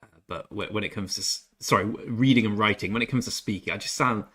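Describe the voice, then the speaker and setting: Talking fast in a lowish, husky voice that's bright and forceful, a young Englishman hangs out on his game stream. He's chatty, reads the chat out loud, and pokes fun at himself.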